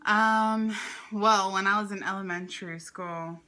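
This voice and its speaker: A relaxed woman in her twenties from Hawaii, chatting easily as an interview guest and laughing often. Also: medium pitch, measured pace, crowd noise. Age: 20s. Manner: relaxed, giggly, easygoing. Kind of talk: casual conversational interview.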